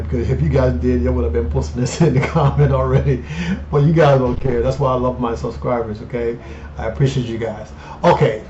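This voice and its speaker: A man's voice: on the high side, darkish tone. A man in his fifties hosting a casual portfolio update, talking in a chatty way and often tagging on "okay" and "you know". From Colombia. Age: 50s. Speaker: investing channel host. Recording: echoey room, dull lo-fi sound, faint noise.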